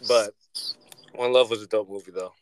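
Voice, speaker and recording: A man hosting a podcast in casual, slangy stoner talk full of swearing, audibly high on cannabis. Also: steady tone, moderate pace. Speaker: podcast host. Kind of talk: casual chat, slangy storytelling.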